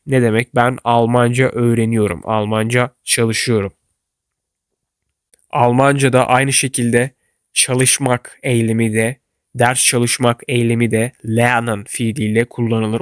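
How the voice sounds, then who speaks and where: In a close, dry recording free of room echo, a German teacher with Turkish as his first language guides learners through everyday phrases. His delivery is flat and his tone clear and resonant at a middle pitch, and he pronounces each model phrase slowly and carefully.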